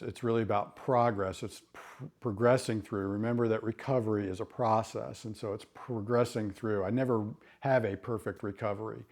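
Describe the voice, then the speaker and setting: A middle-aged therapist with a lowish, slightly mellow voice explains recovery ideas earnestly to camera in an educational talk. He often repeats words as he begins a thought.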